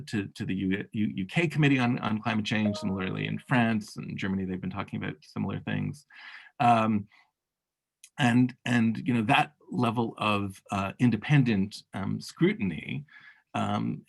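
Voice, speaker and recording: A man speaking as a workshop panelist in unscripted policy talk, halting, with many fillers and restarts. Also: on the low side, creaky.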